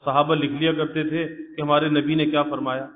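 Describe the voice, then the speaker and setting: A man giving an evening religious lesson in a measured, explanatory way, often asking rhetorical questions. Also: on the high side, flat delivery. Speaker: religious teacher. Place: mosque prayer hall. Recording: phone-like, echoey hall, faint hum.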